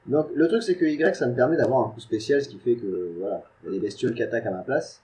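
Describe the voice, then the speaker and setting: A man's voice: mid-range voice, fast, darkish tone. A man giving casual, self-mocking gameplay commentary from a home computer setup, chatting and muttering to himself as he plays. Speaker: gaming YouTuber.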